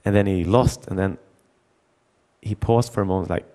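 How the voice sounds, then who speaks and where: Low-voiced halting conference speaker, a man. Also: warm tone. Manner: halting, repeats words, acts out dialogue. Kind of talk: conference talk with anecdote.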